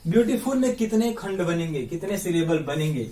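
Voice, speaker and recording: A man teaching English grammar in a classroom-style lesson. He breaks words into syllables slowly, repeats them, quizzes his listeners and calls them his brothers. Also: sits high, expressive, mellow, distant mic. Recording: echoey room, voice off the mic.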